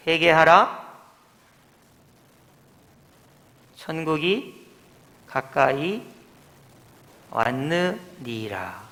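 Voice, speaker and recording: A man's voice: high voice, pushed and bright. A male pastor giving a teaching sermon in a church, emphatic, asking questions and answering them himself, heard in an echoey hall. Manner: emphatic, drills the congregation, asks and answers himself. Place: church sanctuary.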